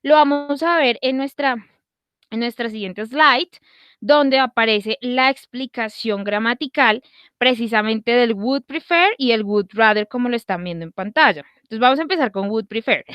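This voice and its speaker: A woman teaching an online English grammar lesson. She checks in with her students often and slows down to read out example sentences. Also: on the high side, smooth, dry recording, lo-fi sound.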